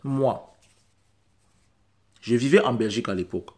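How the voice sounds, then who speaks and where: Speaking directly to the camera, this Central African vlogger, who isn't a native French speaker, has a medium-pitched, slightly mellow voice and an unhurried pace. He stays insistent and repetitive, working his way up to emphatic high points.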